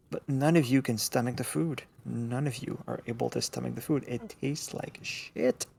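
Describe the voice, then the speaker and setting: A man running a tabletop game as dungeon master, his voice rough with fry. He narrates casually and stops to restart his sentences often. It sounds like a livestreamed home session. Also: mid-range voice, steady tone, moderate pace, mellow. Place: home setup, streaming online.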